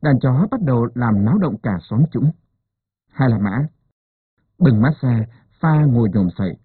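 A man narrating a story as an expressive audiobook reader. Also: medium pitch, measured pace, slightly rough, dry recording. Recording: narrow phone-like dry sound.

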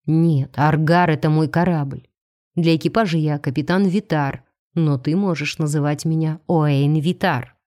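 A woman's voice: sits low, fairly even intonation, normal speed, dark tone, pitched below the performer's own voice, close to an everyday voice. A woman reading an audiobook, voicing a cold, commanding male alien starship captain. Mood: stern.

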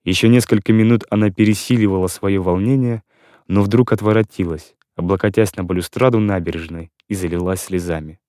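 Mellow-voiced male audiobook narrator. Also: sits low, fairly even intonation, dry recording, clean studio sound. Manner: earnest, measured first-person storytelling. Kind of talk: scripted literary narration.

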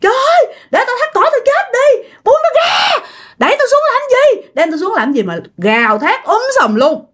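A woman's voice: high-pitched, big pitch swings, moderate pace, hardly any pauses, fairly bright tone, slightly rough, full character voice. A woman voicing a young man caught in a frenzied fit, screaming, thrashing and sobbing as he is held back. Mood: frantic screaming.

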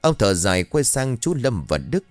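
A man's voice: mid-range voice, sing-song, normal speed, no echo. A man reading a horror story aloud in a dramatic, storytelling manner. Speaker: narrator. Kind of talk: scripted horror story narration.

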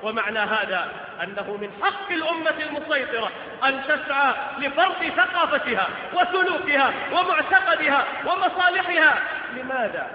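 High-pitched declamatory male preacher, booming echo. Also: expressive, normal speed. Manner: declamatory, swinging from hushed lines to loud ringing proclamation; rhetorical questions and emphatic repetition. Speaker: preacher giving a Friday sermon. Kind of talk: Arabic Friday sermon oratory. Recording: muffled recording in a hugely echoing hall.

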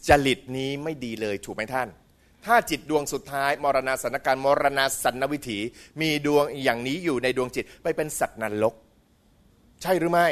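A middle-aged man giving a humorous dharma talk in a school hall. He is animated, mimics voices for comic effect and keeps asking the audience questions. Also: medium pitch. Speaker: Buddhist lecturer.

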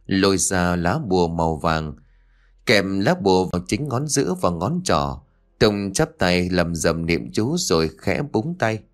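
A man narrating a story in an expressive, dramatic way. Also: on the low side. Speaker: audiobook narrator.

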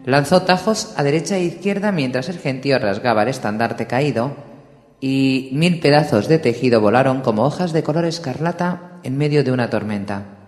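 A man reading an audiobook in a steady, measured storytelling voice. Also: mid-range voice. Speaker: audiobook narrator. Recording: echoey room with long reverb, faint hiss.

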